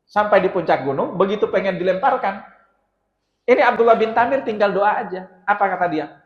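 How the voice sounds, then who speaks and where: Male preacher, high voice, lively storyteller, long hall reverb. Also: fairly quick. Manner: lively storyteller acting out dialogue. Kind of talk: mosque sermon storytelling. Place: mosque hall. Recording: dull, echoey mosque hall sound.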